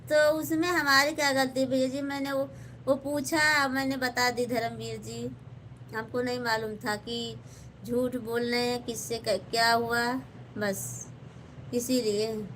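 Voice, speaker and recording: Woman, Awadhi-tinged Hindi accent, hosting a live chat on her phone; unhurried, courteous, slightly high voice. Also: level tone, a bit bright, slight background noise. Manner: polite, slow and chatty, thanks viewers by name. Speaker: live-stream host. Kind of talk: casual live-stream chat reading viewer comments. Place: home kitchen.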